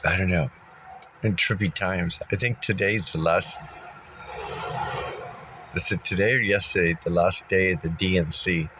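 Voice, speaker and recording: Sitting in a dusty spot, possibly his car, a vlogger with a very low voice wanders through a casual monologue at a measured pace with long pauses. His intonation stays fairly even, and he thinks aloud with lots of ums and restarts. Dust has left him congested, so he coughs and clears his throat, over faint background ambience and noise.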